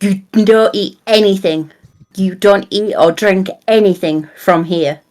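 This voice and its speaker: A woman's voice: medium pitch, a little slow, darkish tone, lightly acted. A woman playing an exasperated fey woman in a tabletop game, scolding her companions in a bossy, emphatic, repetitive way. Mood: urgent warning.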